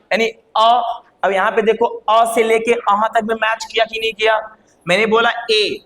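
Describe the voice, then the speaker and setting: A male teacher giving a grammar lesson, constantly asking his students rhetorical questions, spelling words out slowly and now and then raising his voice to stress a point. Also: high-pitched. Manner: calls students child, bursts louder to stress points. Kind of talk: classroom lesson.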